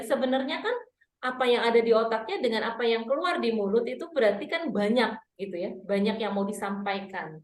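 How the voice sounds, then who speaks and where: A woman's voice: on the high side, roomy sound. A woman public speaking coach teaching an online workshop, demonstrating vowel drills aloud.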